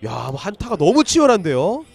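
A man's voice: high voice, wildly swooping pitch, brisk, creaky, darkish tone, husky, faint music behind. A man giving play-by-play commentary on a live game as an esports caster.

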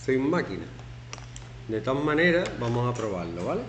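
A man in his fifties, a teacher with a medium-pitched, brisk voice, chats and jokes with his students as they work through a class activity. He is lively and acts out shouting examples. The echoey classroom carries faint background noise.

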